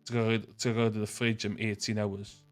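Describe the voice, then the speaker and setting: A man's voice: fairly low pitch, level tone, normal speed, soft background music. A man with a North Wales accent reading a visual novel aloud, mixing in casual, jokey banter. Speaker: gaming video host.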